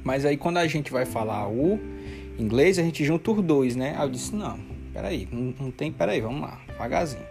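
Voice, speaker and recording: A man's voice: fairly high pitch, expressive, brisk, vocal fry. A man, teaching a casual spoken lesson as an English teacher, repeating and drilling words and checking in often with his listeners. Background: guitar music.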